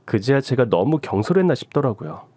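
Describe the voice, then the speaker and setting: A man's voice: medium pitch, very animated, fairly quick, dark tone, no room sound, clean studio sound. A man narrating a first-person story for a radio drama channel.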